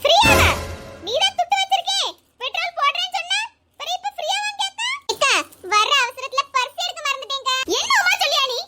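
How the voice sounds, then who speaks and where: Playing a full character voice, she scolds in a squeaky, chipmunk-like pitch, animated, brisk, bright and forceful. The young, quick-tempered Tamil village woman trades teasing, bickering banter in a village comedy sketch, with soft music and hissy noise behind her.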